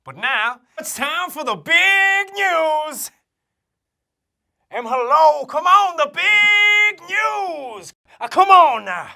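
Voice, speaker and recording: Casting: a performer as a goofy kids' cowboy sheriff, put-on drawl, very lively swoops, slow and bright. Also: mid-range voice. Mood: hammy cheerful. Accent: put-on American cowboy drawl. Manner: hammy, showy, yelling catchphrases. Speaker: road-safety mascot addressing children. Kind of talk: scripted kids' safety promo.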